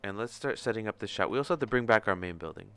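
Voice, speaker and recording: Another casual tutorial stream has this animator thinking aloud and muttering through his steps informally as he works. His lowish voice is smooth, a bit bright, animated and rapid-fire, with music beneath.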